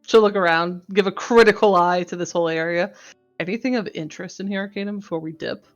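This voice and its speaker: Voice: mid-range voice, fast, highs cut off, soft background music. A playful player describing what her character does in a tabletop game, chatting casually.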